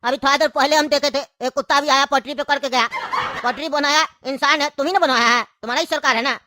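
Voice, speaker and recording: A woman's voice: high voice, fairly even intonation, fast talker, slight background noise. A woman voicing a bossy, mocking know-it-all man in a comedy skit, with a Bhojpuri-region Hindi accent. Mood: teasing. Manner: scolding, mocking, loud.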